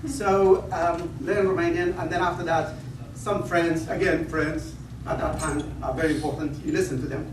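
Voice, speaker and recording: A slightly high-voiced man in his fifties from northern Iraq speaks in a steady tone at a moderate pace with few pauses. As an invited speaker, he opens a lecture with rambling personal anecdotes, self-deprecating jokes and frequent restarts. The recording comes from an echoey lecture hall with a distant mic and background noise.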